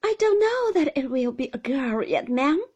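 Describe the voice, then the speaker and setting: A woman reading an audiobook, voicing a timid young widowed mother who speaks in a high, trembling, helpless way. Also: big pitch swings, normal speed, darkish tone.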